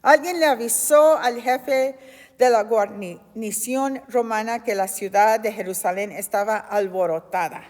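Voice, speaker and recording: Slow, high-voiced woman teaching Bible. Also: big-room sound. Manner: expressive storytelling with rhetorical questions.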